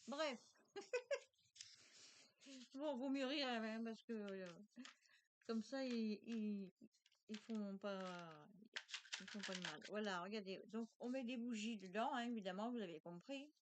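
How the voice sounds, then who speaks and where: A woman's voice: medium pitch, unhurried, slight background noise. A woman hosting a craft channel, chatting hesitantly to her viewers as she unpacks gifts at home. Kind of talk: casual unboxing chat.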